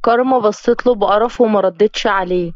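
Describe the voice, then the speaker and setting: Woman, egyptian accent, storyteller, cheeky sharp delivery, dry close sound. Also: medium pitch, a little fast, no room sound. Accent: Egyptian Arabic. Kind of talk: storybook narration with voiced characters. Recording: dry, slightly dull recording.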